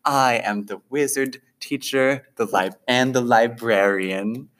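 A man's voice: medium pitch, slow pace, a bit bright. A man doing a scatty wizard librarian lady. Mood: dithery. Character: spindly, scatterbrained old woman wizard librarian.

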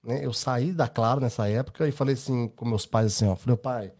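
A man's voice: medium pitch, a little fast, darkish tone. A Brazilian man with a Brazilian Portuguese accent, co-hosting a podcast and telling rambling personal stories with frequent tag questions. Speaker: podcast co-host. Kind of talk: casual podcast chat.

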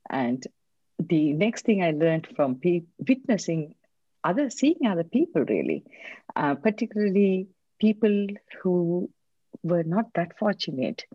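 Woman from sri lanka, very low mellow voice, soft and thoughtful, slightly muffled lo-fi sound. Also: sing-song, no room sound. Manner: soft-spoken, reflective, measured. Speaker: guest, leadership coach. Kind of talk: interview answers, personal story.

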